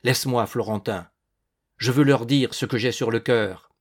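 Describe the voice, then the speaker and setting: A man's voice: mid-range voice, slightly rough, natural voice. A man doing a defiant young farmhand. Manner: slow, then bitter and indignant. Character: young male farmhand, slow-spoken and defiant.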